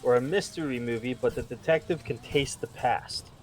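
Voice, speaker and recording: A man's voice: medium pitch, moderate pace, a little hiss or hum. A man co-hosting a podcast in casual chat, rambling as he reads his notes aloud. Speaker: podcast co-host.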